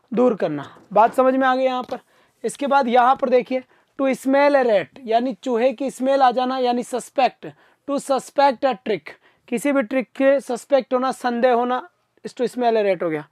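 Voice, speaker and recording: A man's voice: extremely high pitch, darkish tone, dry recording. Coaxing male coaching teacher, dry close sound. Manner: coaxing, calls students "beta" and urges quick answers; reads out viewer comments and answers them. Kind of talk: live online class, teaching vocabulary.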